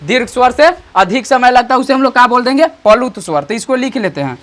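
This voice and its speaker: Teacher, grammar lesson, repeats points, rhetorical questions, middle pitch. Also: animated, fast talker, a bit bright. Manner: repetitive, rhetorical questions and checks for understanding. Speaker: online Hindi teacher.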